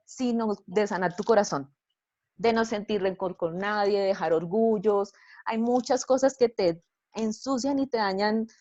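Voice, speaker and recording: A woman's voice: on the high side, lo-fi sound. Earnest woman telling her father's story. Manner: earnest, grateful, upbeat. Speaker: daughter of a cancer patient. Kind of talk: personal testimony in a panel talk.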